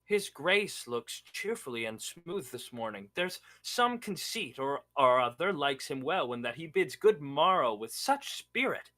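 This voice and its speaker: A student actor playing a trusting, rueful English lord in a Shakespearean radio play, declamatory and measured. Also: mid-range voice, sing-song, a bit bright. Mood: deferential.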